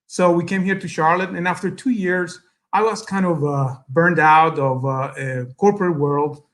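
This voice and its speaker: Giving an earnest guest speech at an event, a middle-aged native Spanish speaker from El Salvador talks with a Salvadoran accent. His voice sits on the high side, fairly bright, with fairly even intonation, and he uses many pauses and fillers.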